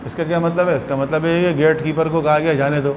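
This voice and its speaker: A man's voice: on the high side, steady tone, a little hiss or hum. A man with a Pakistani Urdu accent, a religious scholar giving a lecture who explains with little acted anecdotes.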